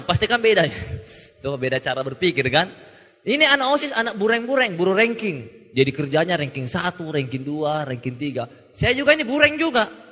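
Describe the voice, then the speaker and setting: A young man telling a joking, animated story at a motivational seminar, acting out the voices of people he quotes. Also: sits high. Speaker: motivational speaker. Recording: reverberant hall.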